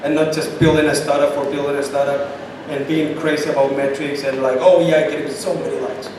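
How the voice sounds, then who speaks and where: With a slightly high, flat delivery at a fairly quick pace, a man with a Chilean Spanish accent speaks as a startup event guest. He answers emphatically, repeating points, in a distant, echoing, noisy recording.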